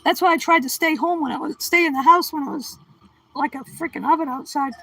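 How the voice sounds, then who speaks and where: Goofy high-voiced middle-aged woman livestreaming. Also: fairly quick, gravelly, pushed and bright, rough recording. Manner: goofy, joking, punning, self-deprecating. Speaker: livestream host reading chat. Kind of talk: casual livestream chat.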